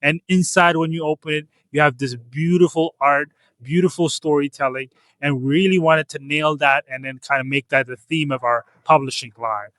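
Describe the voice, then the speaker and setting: A man's voice: fairly high pitch, fairly even intonation, moderate pace, hardly any pauses, fairly bright tone, no echo. A man from Ethiopia, a comics publisher, answering interview questions in an earnest, casual way, often restarting phrases. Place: comic convention floor.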